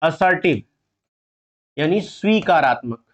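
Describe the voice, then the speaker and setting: High-pitched male tutor teaching an online exam-prep class, questioning students and explaining patiently. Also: expressive, takes it slowly. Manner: quizzing students and explaining step by step; addresses students fondly as "beta". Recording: dull lo-fi audio.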